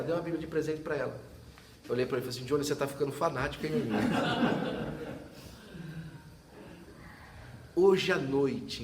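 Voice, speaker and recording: A man preaching as pastor during a church service tells a story, voicing its characters' lines and frequently breaking into laughter. His voice is fairly high, and the sound comes from a distance in an echoey church with slight background noise.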